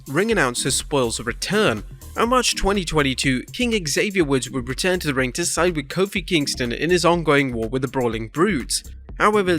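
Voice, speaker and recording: A man delivers scripted countdown narration in a bright, forceful voice. His pitch sits a little higher than average for a man, and faint music plays behind his words. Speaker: narrator of a wrestling countdown video.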